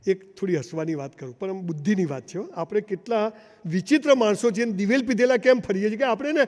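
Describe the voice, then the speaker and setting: High-voiced man giving a motivational speech. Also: quick pace, a little mellow. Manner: storytelling with acted dialogue, rising to emphatic calls. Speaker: motivational speaker. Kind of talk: motivational speech to a live audience. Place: large hall, before a seated audience. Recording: long hall reverb.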